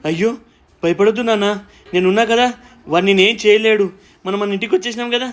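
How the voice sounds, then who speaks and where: A man playing a frantic, fast-talking young dad. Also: on the high side, natural voice. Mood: soothing. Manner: shouting, heated threats, then tender coaxing. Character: frantic, loving young father searching for his daughter. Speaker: father in a family web drama. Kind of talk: amateur family drama acting.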